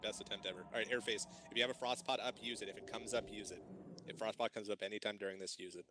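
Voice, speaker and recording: A man's voice: lowish voice, steady tone, fast, a bit bright. A man leading an online game raid over voice chat, giving urgent callouts and repeating short commands to his teammates. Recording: noisy gaming voice chat.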